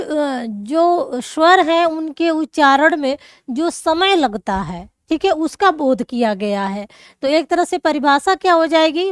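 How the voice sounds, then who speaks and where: A woman's voice: high voice, dry recording, studio quality. A woman teacher explaining grammar rules step by step, checking in often with her students. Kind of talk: classroom lesson.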